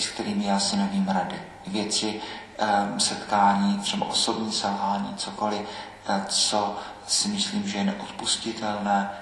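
A man giving a measured, reflective sermon as a priest, often pausing with hesitations. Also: fairly low pitch, fairly bright tone, slight background noise. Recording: echoey church hall, faint ambience.

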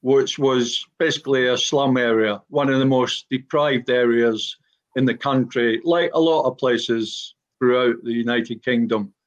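A man's voice: mid-range voice, measured pace, highs cut off. Older man, broad Glaswegian Scottish accent. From Glasgow, Scotland. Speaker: former professional footballer, podcast guest. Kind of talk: personal reminiscence on a panel talk.

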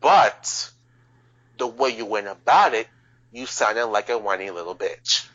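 A man in a casual reaction chat, speaking calmly and explaining his points step by step. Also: fairly low pitch. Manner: calm, measured, explains things step by step. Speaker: music reaction co-host. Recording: dull lo-fi sound.

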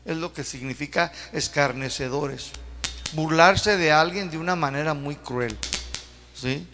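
A man with a Mexican accent preaching a sermon as pastor, in a folksy, drawn-out way with rhetorical questions to the congregation. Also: a little high, bright, forceful tone, slight background noise. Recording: long reverb of a church hall.

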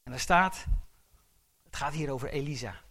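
Male pastor, sermon, forceful bright tone, emphatic and questioning. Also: mid-range voice, moderate pace. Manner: emphatic, building to urgent exhortation; asks the congregation questions.

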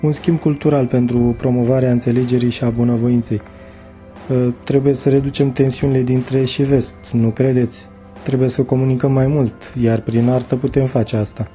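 A man's voice: mid-range voice, flat delivery, mellow, faint music behind, lightly acted. A man doing a young German artist, earnest and lecturing.

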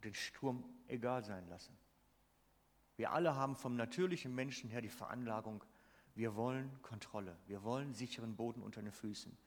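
A man's voice: medium pitch, normal speed. A man preaching a sermon, emphatic and putting questions to the congregation. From Switzerland. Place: church hall. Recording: long reverb of a church hall.

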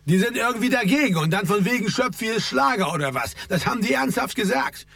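A man's voice: a little high, brisk, dry recording, pitched above the performer's own voice, natural voice. A man voicing an agitated, complaining male club organizer. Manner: worked-up, complaining.

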